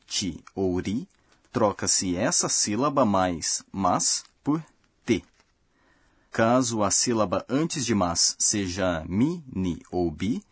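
A man narrating a language lesson in a calm, measured, explanatory way, as a dry studio voice-over. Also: fairly low pitch, husky, no room sound. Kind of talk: scripted educational narration.

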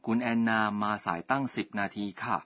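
A man's voice: medium pitch, a little fast, fairly bright tone. A man teaching a radio language lesson, politely explaining each word in turn.

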